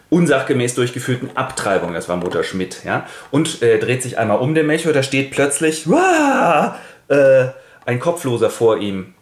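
A man narrating a comic retelling of a play with toy figures, in a casual, ironic way. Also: medium pitch. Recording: roomy echo.

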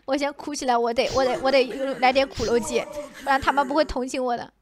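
A young woman hosting a gaming channel, commenting excitedly on her play with dramatic whining, fake crying and playful chanting. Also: sits high, fast, crowd noise.

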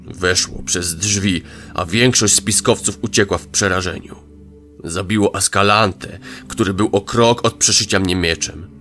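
Man playing Conan, a booming barbarian king. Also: a little slow, sharp tone, faint music behind, heavily acted. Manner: growling, booming. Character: proud male barbarian king, wounded, fierce.

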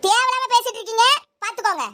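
A woman's voice: very high-pitched, very fast, fairly bright tone. Woman as a sweet young vlogger daughter-in-law. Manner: sugary to the camera, defensive.

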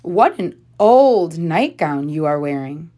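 A woman's voice: low voice, expressive, takes it slowly, mellow. A woman reading a storybook as a bold, clever little girl with an emphatic, exclaiming manner. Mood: mock dismay. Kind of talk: storybook character voice.

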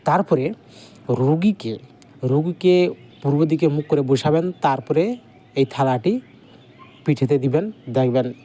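Male teacher, dark mellow tone, chatty and repetitive, recites verses in a sing-song. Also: medium pitch. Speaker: mantra teacher on a video channel. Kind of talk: instructional talk with recited chant.

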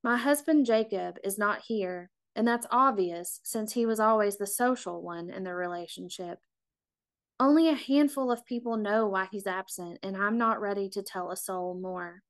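A middle-aged woman reading her own memoir aloud in a measured, reflective and confessional way. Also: medium pitch. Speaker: author.

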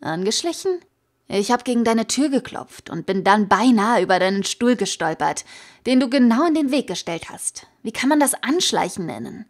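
A woman reading the part of a calm, caring teenage boy in a fan audiobook, speaking softly, at times almost in a whisper. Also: on the high side, normal speed. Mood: puzzled.

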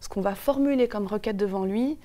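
A woman's voice: mid-range voice, fairly quick, warm tone. Hesitant young Frenchwoman in studio interview. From France. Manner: thoughtful, many hesitations and restarts. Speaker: guest. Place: TV studio set. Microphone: lapel.

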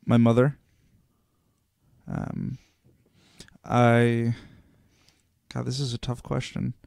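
Brief: laid-back male podcast co-host, gravelly voice, dry close-miked sound. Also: medium pitch, little pitch movement, very slow, a little mellow, no room sound. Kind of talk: casual chat. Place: small room around a table. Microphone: desk mic on a boom.

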